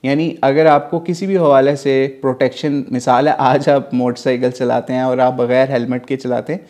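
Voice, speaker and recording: A man's voice: medium pitch, little pitch movement, moderate pace, darkish tone. A man from Pakistan giving an Islamic history class, retelling events in a storytelling way, asking and answering his own questions and mixing in English words. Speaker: religious teacher.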